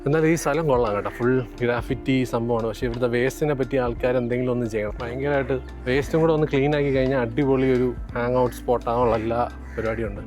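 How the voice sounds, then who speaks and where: A man with a Kerala accent talks quickly in a casual vlog style. He slips freely between Malayalam and English as he addresses his viewers. Music plays behind his voice. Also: medium pitch, steady tone. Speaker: vlogger.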